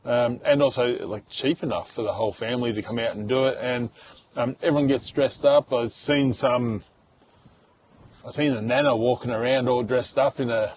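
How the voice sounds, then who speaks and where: A man's voice: medium pitch, steady tone, normal speed, a little mellow. A man talking casually to camera as a travel vlogger, chatty and rambling with fillers and restarts, outdoors at tourist spots and later indoors. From Australia. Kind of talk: casual travel vlog chat.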